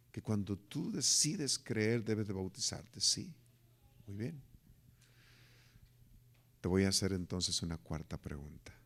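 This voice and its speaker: Slow, low-voiced pastor telling a story. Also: male voice. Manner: dramatic storytelling, acting out quoted voices, rising to near-shouting at climaxes. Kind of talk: sermon storytelling.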